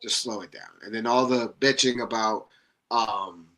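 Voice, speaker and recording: Blunt, trash-talking man with a bright voice. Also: lowish voice, moderate pace, rough recording. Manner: blunt, profane trash talk. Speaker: podcast co-host. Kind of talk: casual sports chat.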